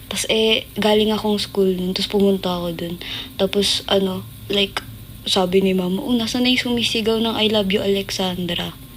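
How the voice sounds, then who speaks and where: A young woman chats on a livestream in a mid-range voice, laughing between stories. She acts out quoted lines in a raised, animated voice. Faint background noise sits under the recording. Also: medium pitch, moderate pace. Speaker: idol group member on a livestream. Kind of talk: casual livestream storytelling.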